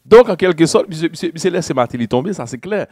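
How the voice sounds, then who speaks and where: A man hosting a political talk show who speaks haltingly, with frequent fillers and repeated words. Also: on the high side, expressive, darkish tone, slightly rough, no echo, clean studio sound.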